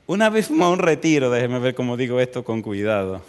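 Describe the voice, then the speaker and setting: A man's voice: mid-range voice, big pitch swings, fast, darkish tone, clear, resonant tone, in a large hall. A man preaching a sermon from a church pulpit, telling personal stories and pressing the congregation with repeated direct questions.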